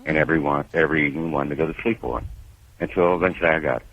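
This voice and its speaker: Very deep husky man on a phone line. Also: steady tone, very fast, dry recording. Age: 50s. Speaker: caller. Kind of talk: radio call-in chat.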